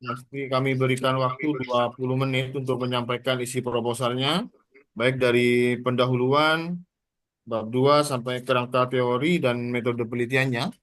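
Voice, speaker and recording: A man moderating a formal online thesis exam, orderly and steady, pausing with "eh" now and then. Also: medium pitch, dry recording. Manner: orderly, formal, with frequent "eh" pauses. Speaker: thesis examiner. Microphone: video call.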